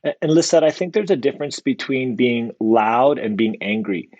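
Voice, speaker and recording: A man co-hosting a ministry podcast, speaking in an encouraging, deliberate way. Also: medium pitch, expressive, darkish tone, no echo, highs cut off. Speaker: podcast co-host. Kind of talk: casual podcast chat.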